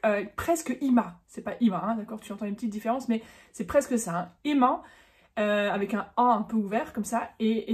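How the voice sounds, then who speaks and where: A woman's voice: a little high, a little mellow. A woman giving a casual, chatty online German lesson, correcting herself as she goes and stretching out the example words. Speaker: German teacher.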